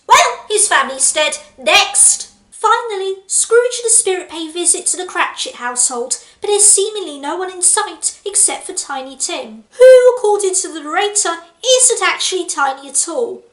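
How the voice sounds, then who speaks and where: Sarcastic high-voiced woman reviewer. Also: fairly bright tone, echoey room. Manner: sarcastic and incredulous. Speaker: book reviewer. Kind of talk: comedic book review reading.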